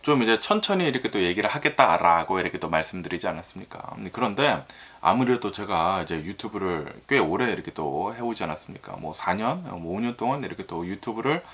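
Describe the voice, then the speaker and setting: A man talking casually to his viewers about the news, rambling and filling every pause with little filler words. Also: low voice, very animated, a bit bright, husky. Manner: filler-heavy, constant "ne" and "ireoke tto"; rambling and talkative, sometimes laughs. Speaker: YouTuber reviewing US news. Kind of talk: casual solo video talk.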